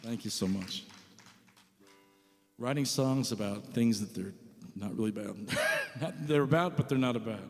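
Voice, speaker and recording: A man's voice: medium pitch, moderate pace, long pauses. A man chatting casually and joking between songs at a church service, self-deprecating and rambling. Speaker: church musician. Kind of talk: casual stage banter and singing with guitar. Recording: live with long reverb and guitar.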